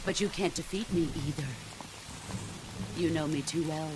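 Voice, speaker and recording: A woman playing a stoic, commanding veteran soldier and mentor in a video game, speaking solemnly and deliberately. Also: sits low, heavy background noise, lightly acted. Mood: solemn, resolute. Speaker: former mentor. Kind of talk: cinematic video game acting. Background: loud music.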